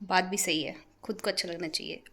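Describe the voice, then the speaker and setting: A woman's voice: on the low side, fairly even intonation, brisk, crowd noise. A young woman chatting playfully to camera in a casual home vlog. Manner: playful, chatty, giggling through a drying face mask. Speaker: vlogger.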